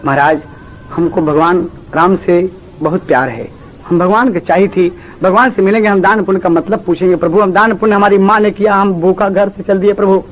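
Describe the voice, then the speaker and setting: Guy doing a poor village kid in a folk tale, bhojpuri accent, begging softly, high voice. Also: fairly even intonation, fairly quick. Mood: pleading. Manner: earnest, humble, plain spoken pleading. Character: poor young village boy pleading with a holy man.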